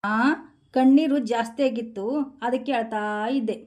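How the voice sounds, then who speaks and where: A woman's voice: a little high, normal speed, mellow, lightly acted. A woman playing a fussy mother-in-law. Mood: flustered. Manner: fussing, exclaiming in dismay. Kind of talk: comedy skit acting.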